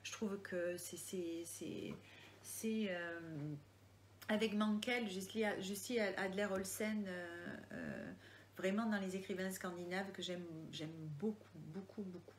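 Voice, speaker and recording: A woman's voice: mid-range voice, lively intonation, slow pace, slight background noise. Woman with a Marseille accent, chatty. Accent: Marseille French. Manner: reads out viewer comments, hesitant with many restarts. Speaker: author answering live questions. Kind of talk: casual live Q&A.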